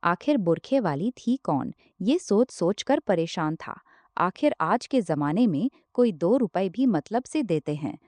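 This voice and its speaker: A woman's voice: fairly low pitch, very animated, unhurried, darkish tone, no room sound. A woman storyteller narrating a novel, reading every part herself and tagging each speaker by name.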